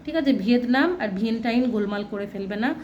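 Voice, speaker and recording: Higher-voiced woman teaching a lesson. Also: fast, darkish tone, lo-fi sound, slight background noise. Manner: plain, explaining, spells out words and repeats to warn of mix-ups. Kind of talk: reading through a textbook lesson for children.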